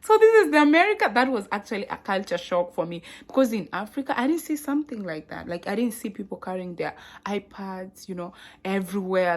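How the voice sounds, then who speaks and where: A young adult Kenyan woman vlogs casually straight to camera in a clear Kenyan accent and a mid-range voice. She stays animated, exclaiming and laughing as she chats with her viewers.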